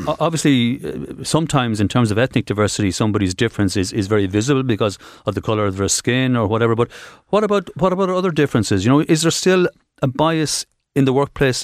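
A man's voice: mid-range voice, quick pace, dry recording. Male moderator, older, questioning panellists in a dry, close recording. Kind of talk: interviewing a panel.

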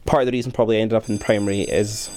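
A man's voice: on the low side, fairly even intonation, rapid-fire, darkish tone, a little hiss or hum. A young man who teaches primary school, talking earnestly and thoughtfully about his work in an interview. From Scotland. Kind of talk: reflective interview talk.

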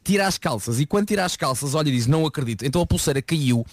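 A man's voice: on the high side, rapid-fire, no echo. A Lisbon man in his forties with a European Portuguese accent, chatting on morning radio. He tells stories playfully in a slightly raised voice. The sound is dry and close, with no room around him. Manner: animated storyteller, playful. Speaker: radio co-host. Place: radio studio.

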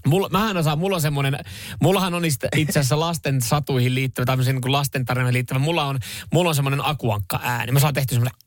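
A man's voice: mid-range voice, no room sound, clean studio sound. A man hosting a radio morning show podcast, chatting casually and often restarting his sentences.

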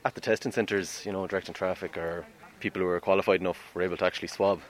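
A man's voice: low voice, steady tone, racing. An Irish man in his twenties from Galway, a soldier giving casual interview answers. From Galway, Ireland. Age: 20s. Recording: field recording with faint background noise.

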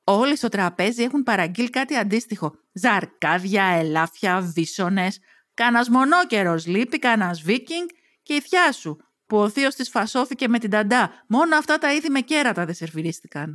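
A woman's voice: medium pitch, animated, a bit bright. A woman telling a comic story in the second person, playful and sardonic, full of slang and wisecracks.

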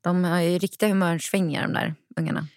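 A woman co-hosting a casual chat, relaxed and supportive, backing up her friend with frequent short replies. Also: lowish voice, no echo, clean studio sound. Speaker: podcast co-host, mother.

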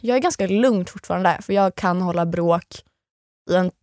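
A woman's voice: lowish voice, darkish tone, no room sound. Young woman spilling a story, acts out everyone's lines, dry close sound. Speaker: guest, former reality show contestant. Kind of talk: casual storytelling interview.

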